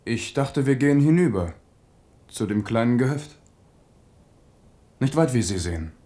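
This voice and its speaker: A man's voice: medium pitch, expressive, unhurried, mellow, lightly acted. An actor playing a worldly, passionate and commanding king in a radio drama. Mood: courteous. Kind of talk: 1970s German radio drama acting.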